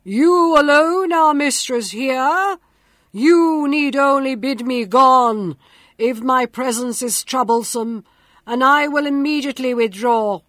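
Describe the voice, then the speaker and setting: A woman voicing a gentle, humble male beast who speaks loudly and draws his words out. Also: high voice, takes it slowly, no echo, clean studio sound, voice pushed up. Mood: plaintive.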